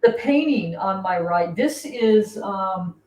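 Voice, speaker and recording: A woman's voice: mid-range voice, lively intonation, slow, a little mellow. A middle-aged woman hosting a casual livestream, chatting and laughing with her viewers. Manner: chatty, giggly, talks to viewers. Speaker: host. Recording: echoey room, faint noise.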